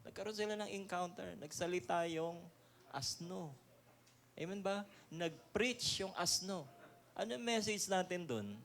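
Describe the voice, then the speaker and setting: Filipino pastor guy preaching slow, keeps asking the crowd amen ba, kinda high voice. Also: gravelly. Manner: lively preaching with call-and-response questions and laughs. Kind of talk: sermon.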